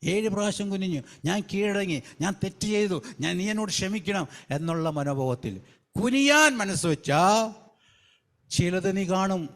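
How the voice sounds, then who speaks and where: A man's voice: sits high, lively intonation, moderate pace, a bit bright. A male evangelist preaching a fervent sermon, breaking in often with hallelujah and praise the Lord.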